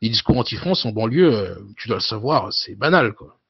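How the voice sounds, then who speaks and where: A man's voice: on the low side, expressive, brisk, husky, no room sound. Casual man with a dull, dry sound. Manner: loose, with frequent hesitations and "you know" tags. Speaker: guest. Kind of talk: casual conversational interview.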